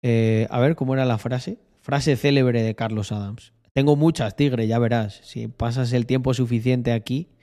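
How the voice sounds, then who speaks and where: A man's voice: mid-range voice, steady tone, moderate pace, hardly any pauses, dark tone. A young man with a Spain Spanish accent chatting casually on a live stream, joking and laughing at himself. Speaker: streamer and podcast host.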